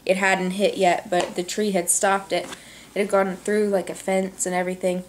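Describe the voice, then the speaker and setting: A young adult woman vlogger telling a story in a casual, animated way, full of "like"s, recorded at home on a camcorder. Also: mid-range voice, moderate pace, a little hiss or hum. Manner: animated, chatty, many "like"s. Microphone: camcorder on tripod.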